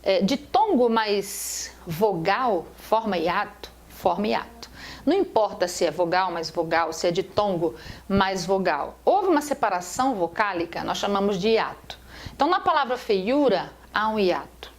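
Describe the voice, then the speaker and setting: A woman's voice: medium pitch, expressive, measured pace. A woman teacher giving a recorded grammar lesson over slides, explaining step by step and asking and answering her own questions. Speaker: Portuguese teacher.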